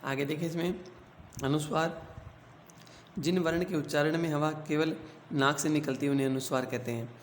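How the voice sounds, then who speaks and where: A man teaching a grammar lesson to schoolchildren. He explains slowly, asks the class questions and then answers them himself. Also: on the high side, fairly even intonation. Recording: echoey room with faint hum.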